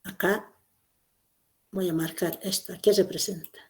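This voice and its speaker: A woman's voice: lowish voice, steady tone, a little slow, darkish tone. Lady teacher walking a class through phonetics, repeats stuff, keeps asking "¿no?". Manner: explanatory, repeats key points, checks with "¿no?". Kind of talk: classroom lecture.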